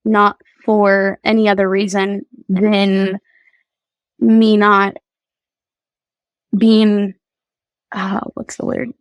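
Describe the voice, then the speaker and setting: A woman guest on a podcast, telling her personal faith story in a halting, earnest way with many fillers and restarts. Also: medium pitch, little pitch movement, clean tone, dry recording, rough recording.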